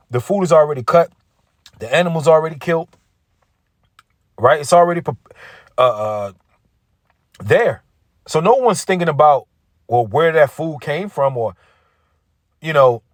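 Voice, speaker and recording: A man's voice: medium pitch, a little mellow, no room sound, clean studio sound. A man giving blunt, profane preaching commentary, emphatic and peppering his points with "right?". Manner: emphatic, repeats "right?" as a check-in.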